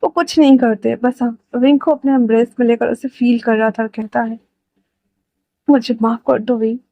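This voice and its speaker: A woman reading an emotional romance story aloud as a storyteller, in an expressive manner, on a dull, dry home recording. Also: fairly high pitch, fairly quick, gravelly, no room sound.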